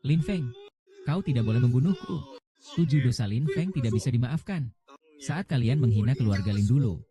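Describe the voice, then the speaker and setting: A man reading every part of a dubbed short drama as voice-over, with little change from one character to the next. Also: medium pitch.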